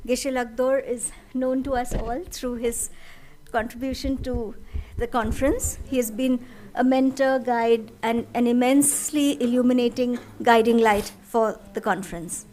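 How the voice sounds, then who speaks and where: Brief: female moderator, slightly high voice, polite formal intro. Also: fairly even intonation, a little slow, darkish tone. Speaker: session moderator.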